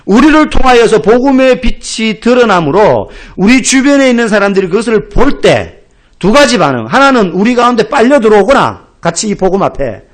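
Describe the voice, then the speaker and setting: Lively high-voiced Korean pastor preaching. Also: male voice. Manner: animated storytelling, acting out quoted voices; emphatic, rising to loud exclamations. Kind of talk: sermon.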